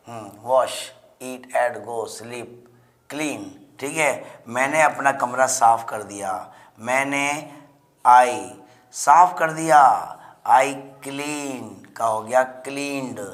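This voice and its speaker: Indian male tutor, slow deliberate delivery, middle-pitched, repeats each example. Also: fairly bright tone. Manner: slow, repetitive explaining with frequent "ठीक है जी". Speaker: English teacher. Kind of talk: spoken English lesson in Hindi.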